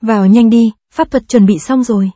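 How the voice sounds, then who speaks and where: A woman reading a calm four-armed preacher mage. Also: fairly high pitch, normal speed, no echo, lightly acted. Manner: calm, self-assured.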